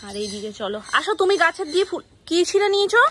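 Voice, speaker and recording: A woman's voice: very high-pitched, sing-song, quick pace, fairly bright tone. A young woman with a West Bengal Bengali accent, chatting casually to her viewers at home while coaxing her toddler. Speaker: vlogger and mother. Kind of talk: casual home vlog narration. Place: home, indoors and garden.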